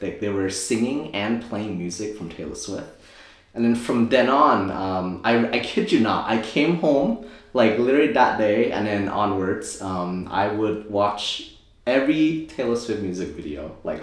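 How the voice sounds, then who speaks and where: A deep-voiced young man from Thailand, a native Thai speaker, rambles through his story as an interview guest. He keeps adding fillers and correcting himself, and his voice rings around a very echoey room. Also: expressive, measured pace. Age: 20s. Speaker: guest, optometrist and DJ.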